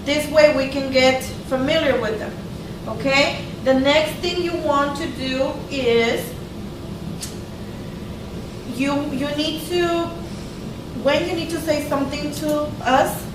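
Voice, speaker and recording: A woman's voice: sits high, slow. A woman helping as a kindergarten teacher, explaining things to young children step by step, a little hesitantly. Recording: distant mic, echoey noisy room.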